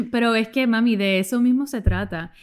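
Young mom podcast host, calm and measured, talking it through with her mom. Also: fairly high pitch. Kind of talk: casual podcast conversation.

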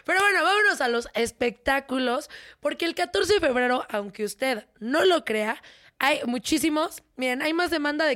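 Young mexican woman hosting a gossip show, high voice, jokey and teasing, throws in english words. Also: a bit bright. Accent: Mexican Spanish. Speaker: entertainment show host. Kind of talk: playful showbiz chat.

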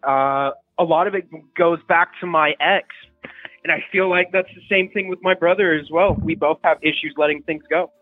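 A man's voice: a little high, steady tone, normal speed, dry recording, faint music behind. A young man calling into a show, talking hesitantly and stammering. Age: young adult. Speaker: caller. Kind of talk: phone-in confession. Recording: tinny phone line.

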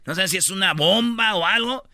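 A man's voice: sits high, fairly quick, dry recording, clean studio sound. A man with a Mexican accent telling news stories as comic banter on a radio show, full of slang. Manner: joking, animated storyteller with slang.

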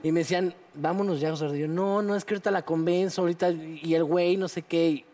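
A Mexican man speaks in a fairly high register, chatting casually among friends. He tells his stories with animation and acts out the quotes as he goes. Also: fast talker. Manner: animated, confessional storytelling with acted-out quotes. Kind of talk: casual chat.

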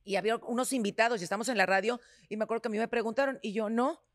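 Woman, Mexican accent, casual chat, quick, dry close sound. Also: a little high, dry recording. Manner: animated storytelling, laughing often. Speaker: guest.

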